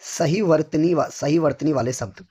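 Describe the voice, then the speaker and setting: A hoarse man teaching a vocabulary lesson for exam preparation, who asks each question, answers it himself, and keeps addressing his students fondly. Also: a little high, normal speed, warm tone. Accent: North Indian Hindi. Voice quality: husky.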